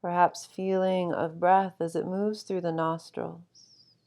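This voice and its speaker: A woman guiding a sleep meditation with calm, soothing instruction and long, unhurried pauses. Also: fairly low pitch. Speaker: meditation guide.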